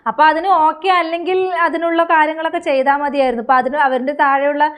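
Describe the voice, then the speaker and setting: High-voiced hesitant Malayali woman. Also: steady tone, a bit bright. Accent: Kerala Malayalam. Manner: hesitant, many drawn-out fillers. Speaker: reaction video commentator. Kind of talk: casual commentary.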